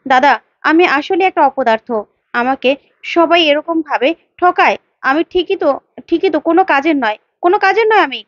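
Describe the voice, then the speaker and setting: A woman's voice: sits high, expressive, a little fast, no room sound, dull audio. A woman voicing a gullible young husband who boasts and then pities himself, in a retold serial. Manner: boastful, then self-pitying.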